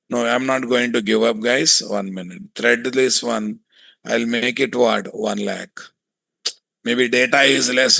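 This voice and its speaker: Teaching software testing through a hands-on tutorial, a man with a Telugu Indian accent reasons out loud, repeats himself and frequently asks his students questions. He has a medium-pitched, creaky voice, recorded without echo.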